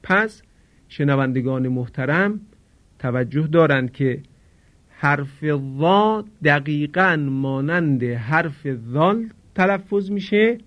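A man teaching Quran recitation in a formal radio lesson, slowly demonstrating how to pronounce each sound. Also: a little high, animated. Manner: slow, careful demonstration of sounds; formal and polite. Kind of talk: radio lesson on Arabic pronunciation. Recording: dull lo-fi radio recording.

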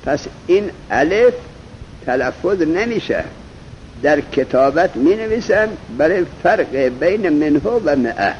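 Male teacher, slightly high voice, seminary-style class lesson, keeps firing questions at students, drags out example words; muffled lo-fi tape with faint hiss. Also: animated, darkish tone. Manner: quizzes students, drawls example words slowly. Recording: dull lo-fi recording with faint noise.

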